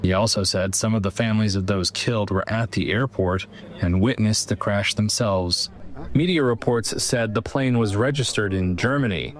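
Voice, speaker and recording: A man reporting a news story in an even, formal voice-over. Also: lowish voice, moderate pace.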